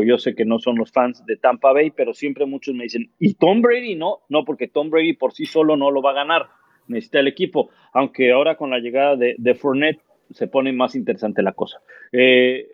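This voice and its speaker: A man's voice: medium pitch, normal speed, no room sound, lo-fi sound. A man, a sports commentator telling stories in a casual interview, acting out quotes. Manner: animated anecdote-telling, acts out quotes.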